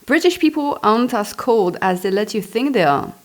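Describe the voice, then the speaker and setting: A Belgian woman whose native language is French reads her own memoir in a Belgian French accent, sounding chatty and expressive and dropping in spontaneous asides. Her voice sits a little high and moves at a normal speed.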